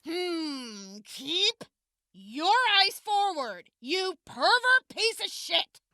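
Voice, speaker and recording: Very high, bright female voice, actress as flustered, foul-mouthed young jailed woman, audio drama. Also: big pitch swings, drawn-out words, dry recording, clean studio sound, heavily acted. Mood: irritated.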